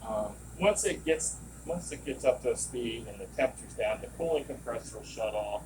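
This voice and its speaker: Guy casually explaining lab equipment, kinda rambly, far from the mic, loud machine noise behind him. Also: medium pitch, animated, a little fast. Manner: informal, rambling, digressing. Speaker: equipment trainer, service technician. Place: room with running lab machinery. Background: loud compressor and vacuum pump noise.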